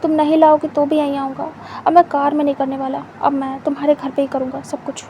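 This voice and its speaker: A woman voicing a confident, possessive young man who speaks softly and teases. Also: completely flat delivery, fast talker, slight background noise. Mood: teasing. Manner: soft, low-key teasing.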